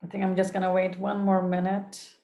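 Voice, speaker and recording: A woman's voice: medium pitch, completely flat delivery, a little fast, creaky, mellow, dull audio. Woman from Turkey hosting a webinar. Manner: hesitant, frequent fillers. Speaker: webinar moderator. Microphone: video call. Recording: roomy echo.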